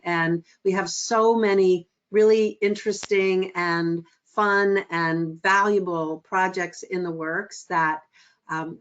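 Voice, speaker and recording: A middle-aged woman speaking as a webinar guest, earnest and measured, with frequent ums. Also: on the low side. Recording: muffled lo-fi webinar audio.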